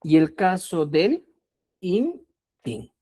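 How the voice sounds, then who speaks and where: A woman teaching Quechua grammar in a lesson, speaking slowly and deliberately, repeating key words and often checking that listeners follow. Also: on the low side, very animated, dark tone, slightly rough. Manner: addresses listeners as "estimados amigos". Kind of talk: explanatory online language lesson.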